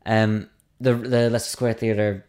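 A man's voice: lowish voice, level tone, unhurried, darkish tone. A man, a stand-up comedian, chatting casually on a podcast in a hesitant, self-deprecating way, often trailing off mid-sentence.

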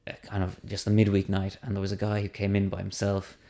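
A man's voice: lowish voice, monotone, quick pace, mellow. A man, a stand-up comedian, chatting casually on a podcast in a hesitant, self-deprecating way, often trailing off mid-sentence.

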